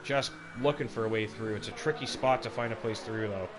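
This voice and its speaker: A man's voice: on the low side, a little fast, crowd noise. A man doing live motorsport commentary, calling the race action as it unfolds. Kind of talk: live sim racing commentary.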